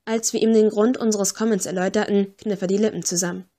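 A woman's voice: medium pitch, fairly even intonation, fast, warm tone. A woman giving scripted first-person audiobook narration in a dry, wry storytelling manner.

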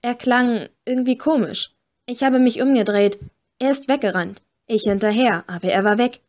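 Woman reading upset young agent girl, snappy and loud, audiobook. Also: a little high, normal speed, close to an everyday voice. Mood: upset agitated. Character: young female agent, angry and frightened.

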